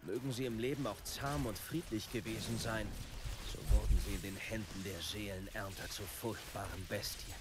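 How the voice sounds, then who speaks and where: An actor playing a grave, scholarly lore narrator in a video game, measured and solemn. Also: male voice, lowish voice, fairly even intonation, natural voice. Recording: game narration under clear battle noise.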